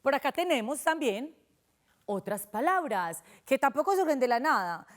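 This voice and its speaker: A young woman teacher with a Colombian accent, teaching a lesson to children and sounding out syllables slowly. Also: high-pitched, sing-song. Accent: Colombian Spanish. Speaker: primary school teacher.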